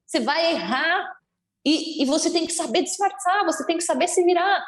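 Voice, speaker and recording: A woman, a dance teacher, talking in a casual podcast interview in a brisk, firm way. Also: very high voice, animated. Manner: brisk, firm, laughs at own slips. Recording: roomy echo.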